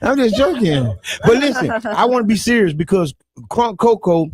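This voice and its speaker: Animated, joking man co-hosting morning radio. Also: high voice, normal speed, a crowd in the background. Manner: animated, joking, repeats phrases for effect. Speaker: radio show co-host. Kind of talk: playful morning show banter.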